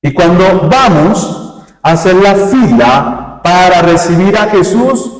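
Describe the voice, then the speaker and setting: A man's voice: high-pitched, lively intonation, takes it slowly. A man preaching a homily as a priest, constantly quizzing his congregation with rhetorical questions. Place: church. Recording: echoey church hall from far off.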